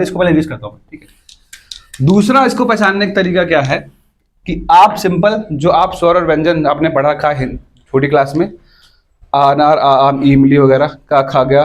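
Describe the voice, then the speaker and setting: A man teaching an English grammar class to students, explaining step by step and often stopping to ask whether everyone has understood. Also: fairly high pitch. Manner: keeps checking whether students follow, repeats points.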